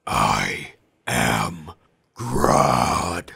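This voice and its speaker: A man voicing a menacing giant telepathic gorilla villain with a gravelly growl, halting ominous delivery and monster voice effects. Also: extremely low pitch, animated, sharp tone, voice pushed down, exaggerated voice. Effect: monster voice processing with reverb in some takes.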